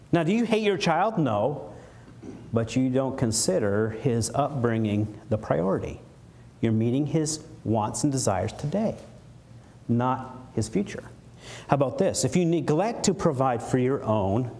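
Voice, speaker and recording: A man preaches a sermon in a church, his pitch leaping and falling as he acts out mock quotes. The live stream carries a faint background hiss. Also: dark tone. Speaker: pastor. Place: church sanctuary.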